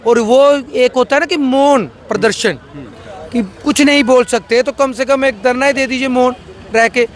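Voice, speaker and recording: A man's voice: extremely high pitch, fairly even intonation, normal speed. A man, a social activist, speaking with fiery, rhetorical passion in a political interview, repeating phrases for emphasis. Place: outdoors by a road.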